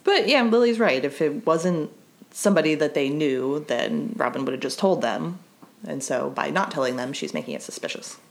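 A woman co-hosting a podcast in casual recap chat, animated, laughing often and saying "like" a lot. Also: low-pitched, moderate pace. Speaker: podcast co-host.

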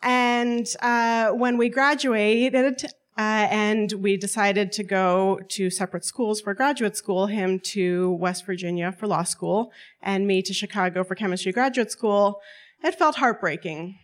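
Speaking unhurriedly in a mid-range voice, a woman in her twenties shares a personal story with a live audience on stage. Her manner is lively and wry, and she frequently laughs as she talks.

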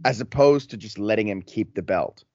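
A man's voice: lowish voice, moderate pace, a little mellow, dry recording, muffled recording. A man chatting casually as a podcast co-host, often rephrasing as he works through a thought. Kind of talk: casual chat.

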